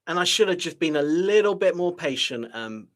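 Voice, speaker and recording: A man's voice: fairly high pitch, expressive, normal speed, fairly bright tone. A man giving live trading commentary to his viewers in a frustrated, self-deprecating way, sighing as he muses. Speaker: day trader streaming live.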